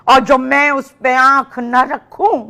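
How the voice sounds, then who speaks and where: A woman's voice: high voice, level tone, slow, vocal fry, pushed and bright. An older woman with an old plays a scolding mother in a comedy drama, tossing out proverbs as she talks. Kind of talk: scripted comedy drama dialogue.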